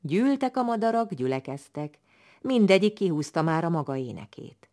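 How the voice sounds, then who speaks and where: A woman with a low voice reads a folk tale aloud, letting her tone rise and fall widely. Her delivery is lilting and expressive, like a storyteller for children.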